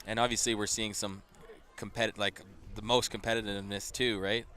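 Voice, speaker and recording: A man doing live play-by-play for a high-school football game, chatting loosely and breaking into excited shouts on big plays. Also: a little fast. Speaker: play-by-play commentator. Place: outdoor football stadium. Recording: live stream from a stadium crowd. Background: crowd.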